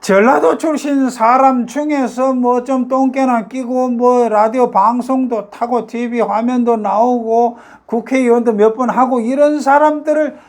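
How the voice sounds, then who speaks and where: An older man with a Gyeongsang Korean accent, talking casually to his viewers in a rambling way, with many fillers and rhetorical questions. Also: very high voice. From South Korea, North Gyeongsang. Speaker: YouTube talk host.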